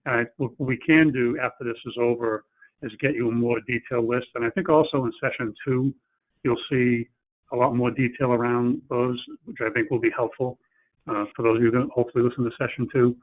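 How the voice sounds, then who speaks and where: Over audio that sounds like a phone line, a webinar presenter speaks briskly in a steady, mid-range voice. He keeps things plain and practical but frequently starts his phrases over.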